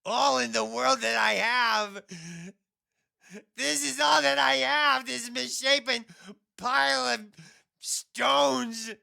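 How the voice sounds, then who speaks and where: A man's voice: extremely high pitch, steady tone, slow, gravelly, pushed and bright, heavily acted. A man voicing a cartoony, melodramatic old prospector coot for a video game, with a cracked, drawling, bereft delivery. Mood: mournful, melodramatic.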